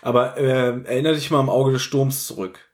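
A man's voice: mid-range voice, fairly even intonation, fairly quick. A man co-hosting a podcast, chatting casually and jokingly with strong opinions about a radio play. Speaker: podcast co-host.

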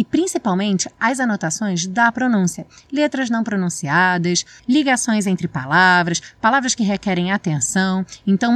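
A woman teaching an English lesson, explaining pronunciation slowly and carefully. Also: mid-range voice, no room sound. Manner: slow, explanatory, reads English song lines slowly.

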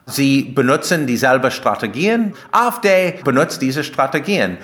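Animated yet a little slow, a man from the United States with an American accent and a fairly bright, medium-pitched voice offers explanatory interview answers. A philosopher and author, he speaks non-native German with small grammar slips.

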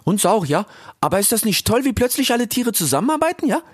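A brash young male animal with street slang, voiced by a man narrating a storybook. He talks loud and fast in a high, cocky voice, ending lines with slangy tags. The pitch bounces a lot, and the recording is dry and close. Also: very animated, breathy edge, no room sound, exaggerated voice. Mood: cheerful. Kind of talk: audiobook character voice.

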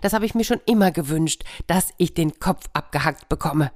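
A woman voicing a boastful, tricky male hare in a told fairy tale, shrill and loud. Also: normal speed. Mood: mock pleading. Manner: shrill, pleading and cocky.

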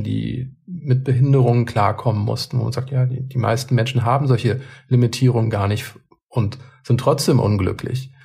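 A man's voice: lowish voice, vocal fry, a little mellow, slightly rough. A man co-hosting a podcast, talking through his thoughts in a reflective, casual way, often restarting and repeating words. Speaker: podcast co-host.

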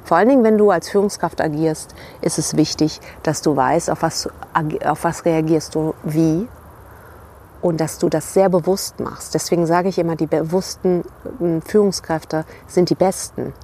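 A woman's voice: low-pitched, steady tone, normal speed, warm tone, slight background noise. A woman giving a motivational talk to camera outdoors by a river, speaking reflectively to the viewer as a leadership coach and checking in with short tag questions.

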